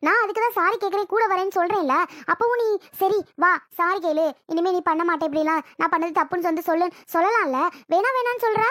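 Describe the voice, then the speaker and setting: Someone voicing a squeaky fast tirunelveli bride, bossy and rude, barking orders in a cartoon. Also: sharp tone, dry recording, studio quality. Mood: scornful. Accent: Tirunelveli Tamil. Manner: taunting, bossy. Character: bossy new bride, sharp-tongued and rude. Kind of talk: cartoon voice acting.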